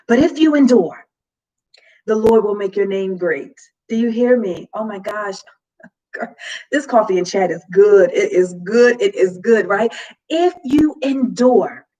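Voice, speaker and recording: A woman's voice: medium pitch, mellow, lo-fi sound. Woman speaker for an uplifting faith talk, preacherly, repeats her lines for emphasis. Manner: preacherly, repeats phrases, laughs often. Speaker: motivational speaker. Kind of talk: faith-based motivational talk.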